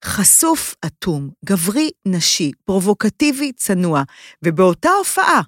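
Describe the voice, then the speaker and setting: A woman's voice: mid-range voice, big pitch swings, no room sound, studio quality. A woman with an Israeli accent chatting and commenting on fashion as a podcast host, emphatic and theatrical, repeating words and mixing in English. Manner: emphatic, theatrical, with repetitions and English phrases mixed in. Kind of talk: casual chat and fashion commentary.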